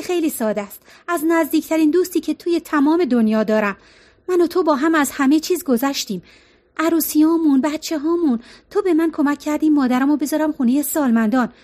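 An insistent middle-aged woman who has just lost her husband, as a female audiobook reader puts her on. She pleads and persuades in a high voice, sure she will get her way. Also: a little mellow, close to an everyday voice. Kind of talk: audiobook character reading.

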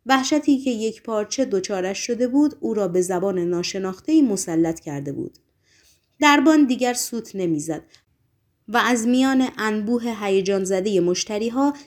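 A woman's voice: medium pitch, expressive, a little mellow. Woman narrating a story expressively. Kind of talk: audiobook narration.

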